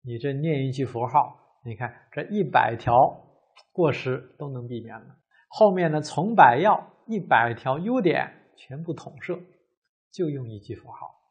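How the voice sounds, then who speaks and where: Slow-talking man teaching buddhism, kinda husky, lots of drawn-out "ah"s between phrases. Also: mid-range voice, expressive, muffled recording. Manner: measured, drawn-out, many "ah" fillers. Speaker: Buddhist lecturer. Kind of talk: dharma lecture.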